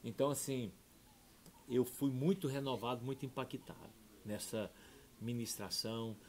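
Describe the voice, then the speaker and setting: A middle-aged man, a pastor telling a heartfelt personal testimony, dropping soft and low then rising loud and excited. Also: normal speed, slight background noise. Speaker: pastor and podcast guest.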